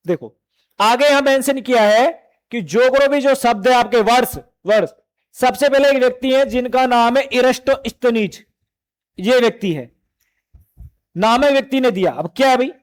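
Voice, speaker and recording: A man with a very high voice is teaching a class of exam students. He asks a question and then answers it himself, and he keeps calling the students beta and bhai.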